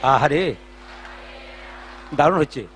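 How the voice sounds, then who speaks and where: A man preaching at a devotional gathering, telling stories and urging the crowd to chant along louder. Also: on the high side, expressive, takes it slowly, slight background noise. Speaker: kirtan singer and preacher. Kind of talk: devotional sermon and call-and-response chanting. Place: large gathering with live audience.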